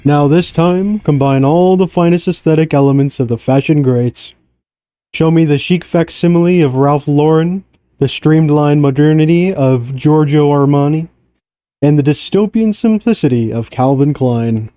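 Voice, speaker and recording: A man voicing a haughty gorilla genius with a deep, breathy voice, handing down slow, pompous verdicts. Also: dark tone, dry recording, clean studio sound, close to an everyday voice. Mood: commanding. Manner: pompous, slow critical pronouncements.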